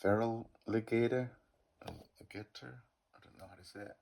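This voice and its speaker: With a little hiss or hum in the audio, a middle-aged man with a Boston accent rambles through casual commentary while opening card packs. His voice is on the low side, gravelly and a bit mellow, at a moderate pace, and he fumbles card names in a self-deprecating way.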